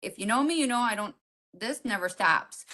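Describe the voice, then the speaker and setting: A woman's voice: a little high, animated, normal speed, sharp tone. Middle-aged woman, podcast co-host; rambling, emotional storyteller with frequent fillers and restarts. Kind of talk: casual heartfelt storytelling.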